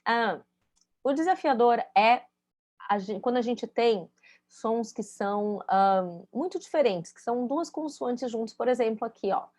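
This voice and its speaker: A woman's voice: on the high side, a little slow, darkish tone. A woman teaching English pronunciation in a casual spoken lesson, speaking, explaining patiently and checking in with her students as she demonstrates sounds.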